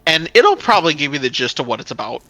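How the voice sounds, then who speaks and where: Young male gamer host, higher bright voice, animated swearing storyteller on a mic. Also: fast talker, slight background noise. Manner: animated, profane, laughing storyteller. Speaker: let's play host. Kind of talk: casual storytelling while gaming.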